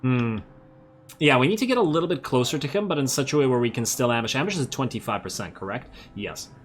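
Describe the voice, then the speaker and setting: A man's voice: medium pitch, expressive, fast, a little hiss or hum. A man giving casual, think-aloud commentary while playing a strategy game, self-amused and slightly losing his voice. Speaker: strategy game let's-play host.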